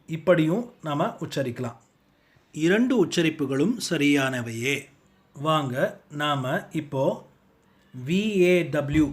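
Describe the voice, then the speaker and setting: A man teaching letter sounds, speaking slowly and repeating each sound for practice. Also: on the high side. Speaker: language teacher. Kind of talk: slow instructional explanation.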